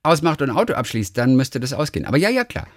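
A man in casual chat, reacting quickly and musing aloud with a husky voice. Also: mid-range voice, very animated, no echo, clean studio sound. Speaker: podcast co-host listening and reacting.

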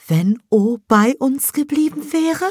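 A woman's voice: expressive, slow pace, a little mellow, slightly rough, no room sound, clean studio sound, exaggerated voice. A woman voicing a distraught grieving mother. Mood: upset, pleading. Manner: emotional, pleading, high and strained. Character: distraught middle-aged mother, grieving and pleading.

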